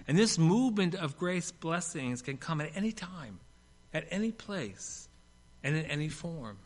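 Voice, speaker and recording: A male pastor preaching a sermon, swinging between loud emphatic lines and hushed ones, with playful humorous asides. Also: on the high side.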